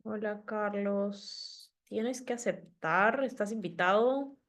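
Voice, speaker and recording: Brisk woman running a virtual class. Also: medium pitch. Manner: brisk, practical, sorting out problems on the fly. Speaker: class coordinator. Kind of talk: organizing breakout groups in a virtual class. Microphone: video call.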